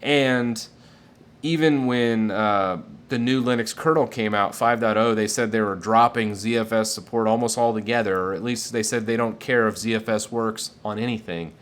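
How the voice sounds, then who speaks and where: A man's voice: lowish voice, steady tone, normal speed. Chatty man hosting a tech stream. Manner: enthusiastic, chatty, rambling with fillers. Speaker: tech streamer answering viewer questions. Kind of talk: casual live-stream Q&A.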